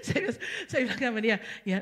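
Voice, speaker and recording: A middle-aged woman pastor preaches a passionate sermon. She drops to soft, close asides and then rises into loud, high cries. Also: big pitch swings, normal speed.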